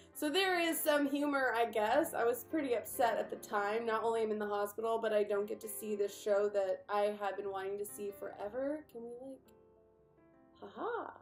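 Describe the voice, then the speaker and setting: A young woman vlogger telling a personal story to the camera in a chatty, animated way. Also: mid-range voice, roomy sound. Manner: chatty and animated, with frequent fillers and asides.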